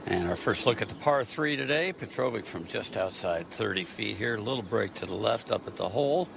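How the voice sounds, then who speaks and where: A man's voice: animated, brisk, creaky. A man giving live golf tournament commentary, describing shots and greens analytically in short phrases. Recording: noisy outdoor broadcast with ambient rumble.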